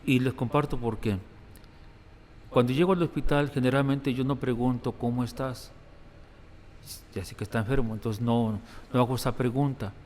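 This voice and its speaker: A man's voice: mid-range voice, fairly even intonation, fairly quick, a little mellow. A Mexican priest and hospital chaplain telling stories of his work in an interview, often repeating words as he thinks. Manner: reflective storytelling, repeats words. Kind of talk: interview testimony. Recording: reverberant room, faint background noise.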